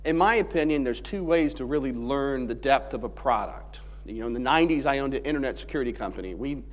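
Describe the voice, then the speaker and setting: On a big conference hall stage, a speaker from Alabama keeps his technical presentation light and chatty. He talks fast, with a medium pitch and lively intonation. The stage mic picks up a long, echoing hall reverb.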